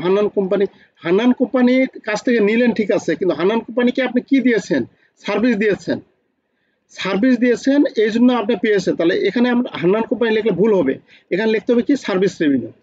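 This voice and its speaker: A man's voice: high voice, a little mellow, muffled recording. A man with a Bangladeshi Bengali accent teaching an online accounting class, often asking students questions and repeating key points.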